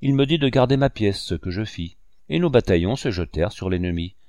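A man narrating a first-person memoir in a steady, measured way. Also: on the low side, no room sound, clean studio sound. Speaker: audiobook reader.

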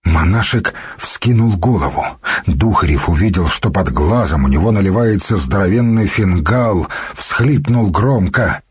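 Husky low-voiced male narrator. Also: animated, a little slow, dry recording. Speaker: audiobook narrator. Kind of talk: scripted narration.

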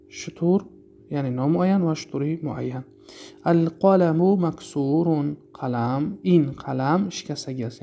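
Man, Tajik accent, Arabic grammar lesson, gravelly, mellow tone, patient explaining. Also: on the high side, a little hiss or hum. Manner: explains patiently, asks and answers his own questions. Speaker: Arabic teacher.

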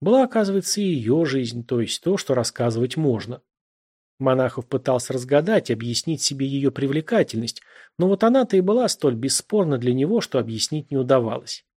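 A man reading literary prose aloud as an audiobook narrator, in a measured, reflective way. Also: mid-range voice, animated, darkish tone, husky.

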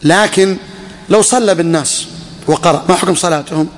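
A man's voice: sits high, fairly quick. A man teaching a class on a legal text, questioning his students and repeating key phrases. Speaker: religious teacher. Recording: echoey hall.

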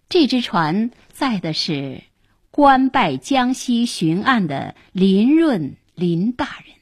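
Slow, husky woman storyteller. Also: mid-range voice. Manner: expressive, dramatic phrasing. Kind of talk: traditional Chinese storytelling narration.

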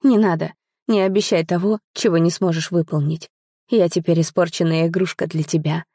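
A woman voicing a young woman who is hurt and bitter, speaking in a sharp, tearful, accusing way. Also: fairly low pitch, steady tone, brisk, slightly rough, no echo, clean studio sound.

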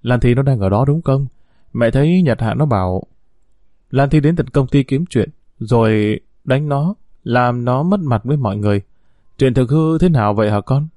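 A man doing a calm, measured older mother. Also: mid-range voice, dry recording, clean studio sound, natural voice. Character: calm, level-headed wealthy older mother.

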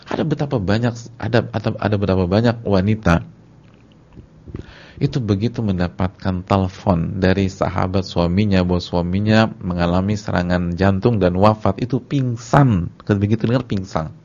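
A man giving a sermon to his congregation in casual slang, repeating words for emphasis and swinging between loud and soft. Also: on the low side, vocal fry. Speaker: Islamic preacher. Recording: dull lo-fi lecture recording.

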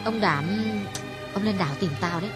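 A woman voicing a frank, worldly young woman in an audiobook, speaking bluntly to a friend in a husky voice. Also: high-pitched, expressive, a little fast, over loud music. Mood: earnest, candid. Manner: frank, dismissive storytelling. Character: calm, worldly young Vietnamese woman, older sister.

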